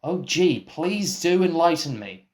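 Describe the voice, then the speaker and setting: Playing a film producer interviewing an absurd guest in a scripted comic radio sketch, this man sounds exasperated and baffled. His slightly high, darkish voice has lively intonation as he slowly meets each answer with dry disbelief.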